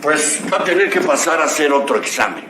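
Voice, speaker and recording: A man's voice: a little high, animated, a little fast, noisy background, close to an everyday voice. An actor voicing a bossy, teasing male police chief in a cartoon, commanding and playful, with music behind him. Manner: commanding, playful, wordplay on a name. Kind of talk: cartoon voice acting.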